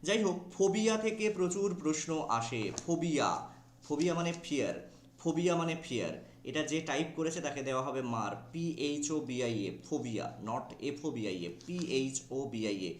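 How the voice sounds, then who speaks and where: A Bengali-accented man teaches an online exam class in a slightly high voice. He stretches out English words and spells them letter by letter. The sound carries a roomy echo. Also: animated, a little hiss or hum. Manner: drawls key English words slowly, spells them out letter by letter, asks "ঠিক আছে?" often.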